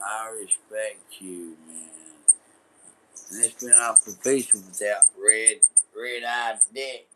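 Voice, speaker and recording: Deep-voiced rambling man, slow and slangy. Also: noisy background. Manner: slangy, repetitive, profane, drifting between thoughts. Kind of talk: rambling late-night talk.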